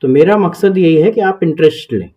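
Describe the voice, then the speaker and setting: A man's voice: on the high side, animated, a little fast, warm tone. A man, hosting his channel and patiently explaining and reciting a Sanskrit verse step by step. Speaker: Gita teacher, channel host.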